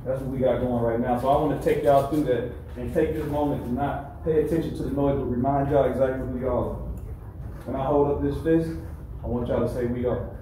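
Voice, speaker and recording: A man's voice: mid-range voice, steady tone, brisk, dark tone. An American man in his thirties, a football coach, giving an emphatic, repetitive motivational pep speech to his team. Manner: emphatic, repetitive, call-and-response. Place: crowded indoor team locker room. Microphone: phone camera a few metres away. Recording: echoey noisy room, distant phone mic.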